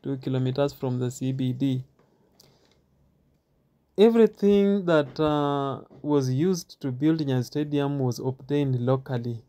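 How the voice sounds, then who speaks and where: A man guides a walking tour through a stadium outdoors, his speech halting and padded with filler pauses and repetitions, all recorded on a handheld phone. He speaks at a medium pitch with a mellow tone.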